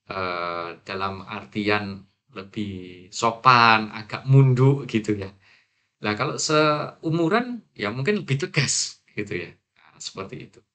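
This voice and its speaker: A man's voice: lowish voice, lively intonation, measured pace, sharp tone. A man teaches presentation skills in a casual lecture. He talks to his students conversationally, tosses out rhetorical questions and answers them himself. He keeps dropping English terms into his explanations. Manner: conversational, frequent filler tags and rhetorical questions.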